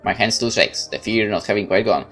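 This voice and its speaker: In a measured, theatrical way, a game let's-play narrator reads a horror visual novel from the first-person perspective. He has a fairly low pitch and fairly bright tone, with soft music in the background.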